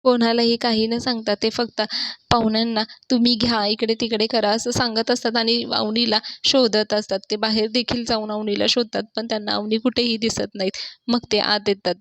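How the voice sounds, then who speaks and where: A woman's voice: a little high, flat delivery, brisk, no echo. A woman reviewing a TV serial episode, retelling the plot and quoting the characters' lines in her own plain voice, with hesitant restarts.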